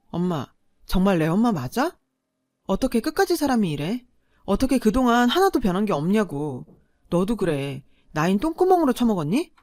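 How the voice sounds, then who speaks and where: A woman's voice: mid-range voice, a little mellow, dry recording, clean studio sound, close to an everyday voice. A woman voicing an angry younger daughter who confronts her mother and sister sharply.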